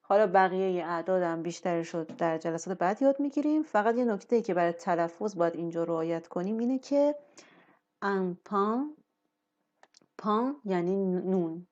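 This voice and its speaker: A woman teaching French in a lesson, explaining patiently and slowing down on example words. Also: lowish voice, a little mellow, lo-fi sound. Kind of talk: language lesson.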